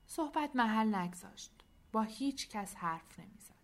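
A woman narrating a storybook, soft and at times nearly whispering. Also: on the high side, expressive. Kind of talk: storybook reading.

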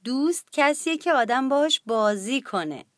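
A woman's voice: sits high, animated, dry recording, clean studio sound. A woman doing a chirpy friendly hedgehog. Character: big brown hedgehog with sharp spines, friendly.

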